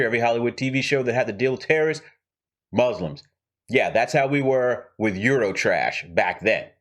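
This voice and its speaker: Middle-aged male host, talky film commentary, voice lively and up and down. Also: medium pitch. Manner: chatty, digressive, self-deprecating asides. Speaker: host and screenwriter.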